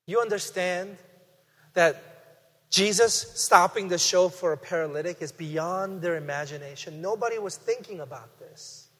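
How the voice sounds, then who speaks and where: A middle-aged man delivers a sermon in a lively, conversational way, pushing key phrases up with emphasis. His voice sits high for a man. The sound carries the long reverb of a church sanctuary. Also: moderate pace. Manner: animated, conversational preaching with emphatic rises. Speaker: guest preacher. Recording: reverberant hall.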